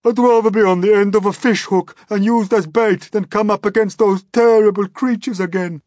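A man's voice: high-pitched, fairly even intonation, normal speed, a little mellow, no echo, clean studio sound, voice pushed up, close to an everyday voice. A man voicing a gloomy, panicky blind earthworm in a storybook, shrieking and complaining. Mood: shrieking terror. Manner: shrieking, doom-laden, complaining.

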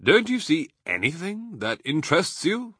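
A man's voice: a little high, huge pitch swings, moderate pace, pushed and bright, slightly rough, no room sound, clean studio sound, pitched above the performer's own voice, heavily acted. A man voicing a clever, proud male fox father in a storybook reading, fatherly and pleased.

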